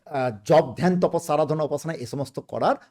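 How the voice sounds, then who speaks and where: A man speaking as a guest on a podcast, explaining spiritual ideas in a measured way and pausing to search for words. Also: fairly high pitch, darkish tone.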